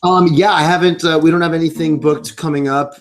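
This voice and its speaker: A man's voice: on the high side, steady tone, brisk. A man being interviewed as a guest musician, chatty and rambling with fillers and laughs. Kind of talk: casual interview chat.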